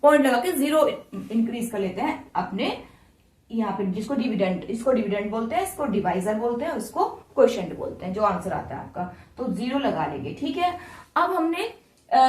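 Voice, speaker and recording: A woman's voice: high voice, reverberant, recorded from a distance. A woman teacher, patiently walking students through each step and asking them questions. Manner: patient, repeats steps and asks the class questions. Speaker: math teacher. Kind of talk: explaining math steps to students.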